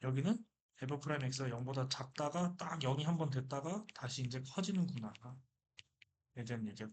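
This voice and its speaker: A man's voice: mid-range voice, moderate pace, a little hiss or hum. A man teaching a math lecture who keeps asking questions and answering them himself. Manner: lively, asks and answers his own questions.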